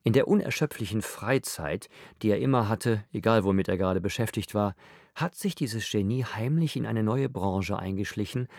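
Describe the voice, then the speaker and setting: A male narrator reads in a low, wry, measured voice. The recording is dry and close, with no room sound around him. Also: a little mellow, no room sound. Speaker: audiobook narrator. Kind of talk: scripted narration.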